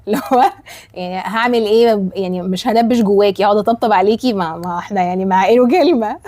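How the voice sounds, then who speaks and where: A woman with an Egyptian accent, a life coach giving casual advice to camera, animated and acting out quoted voices. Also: medium pitch. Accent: Egyptian Arabic. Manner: animated, acts out quoted voices, frequent restarts.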